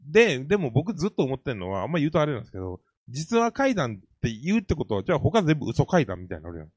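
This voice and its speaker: A man's voice: on the high side, wildly swooping pitch, quick pace, darkish tone, slightly rough, dry recording. A man with a Kansai accent hosting a casual chat, asking questions and airing his opinions. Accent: Kansai Japanese. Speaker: talk host.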